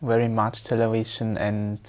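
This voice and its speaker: A man's voice: on the low side, completely flat delivery, moderate pace, a little mellow. A young man from Switzerland, an exam candidate speaking hesitantly and repeating words as he searches for English.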